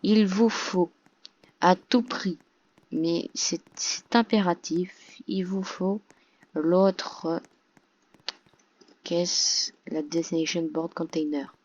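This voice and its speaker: Woman, low-ish voice, unhurried delivery, halting game-tutorial narration on a muffled home mic. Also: fairly even intonation, a little mellow. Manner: hesitant, many fillers and restarts. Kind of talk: casual tutorial voice-over. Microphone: computer microphone.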